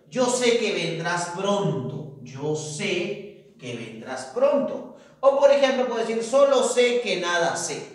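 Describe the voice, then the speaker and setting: A male teacher giving a grammar lesson, asking rhetorical questions and answering them himself. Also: high-pitched. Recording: echoey room, far from mic.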